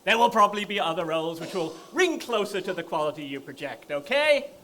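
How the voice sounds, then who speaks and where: An actor playing a pompous, flowery director. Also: male voice, sits high, very animated, fairly quick, bright, forceful tone, slight background noise, full character voice. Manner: condescending and flowery. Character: smooth, pompous male stage director. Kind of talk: stage play acting.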